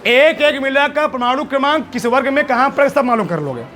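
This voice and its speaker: A man's voice: very high-pitched, lively intonation, brisk, a bit bright. A male teacher giving a lecture, asking questions and answering them himself, repeating each answer to drill it in. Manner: quizzing, asks then answers his own questions; emphatic, drills answers by repetition. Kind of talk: classroom lecture.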